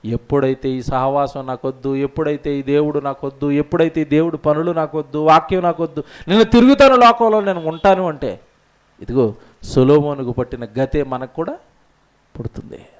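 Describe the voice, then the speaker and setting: A man preaching a sermon with passion, swinging between loud outbursts and quiet asides. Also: on the high side, fairly even intonation, normal speed. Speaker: pastor.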